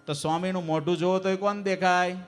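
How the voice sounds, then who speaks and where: High-pitched man preaching to an assembly. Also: steady tone, fast talker, soft background music. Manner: asks the audience questions and urges louder answers. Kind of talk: devotional sermon to a live assembly. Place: temple assembly hall.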